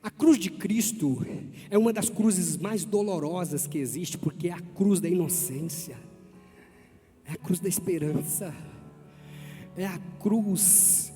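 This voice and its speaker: A man with a Brazilian Portuguese accent preaching a sermon as pastor, animated and calling on the congregation to respond. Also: sits high, a little slow. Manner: animated, calls on the congregation to repeat after him. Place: large church hall. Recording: long church-hall reverb, faint music.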